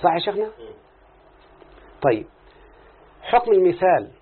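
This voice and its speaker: Teaching grammar to a class, an Egyptian-accented man uses examples and keeps checking that his listener understands. His high voice swings widely in pitch at a normal speed and sounds slightly rough, captured on a muffled recording that resembles a phone.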